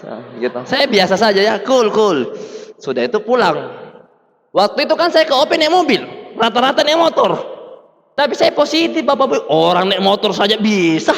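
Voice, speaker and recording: A man telling his story to an audience in a lively, animated way, acting out the dialogue and laughing often. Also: sits high, moderate pace. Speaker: motivational speaker. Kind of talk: testimonial talk to an audience. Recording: reverberant hall.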